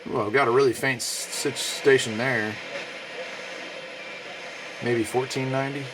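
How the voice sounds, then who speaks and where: A radio reviewer and vlog host gives a laid-back, hands-on product demo, muttering informal asides while he tinkers. His medium-pitched voice is fairly even and a little slow, and the audio is poor with faint background noise.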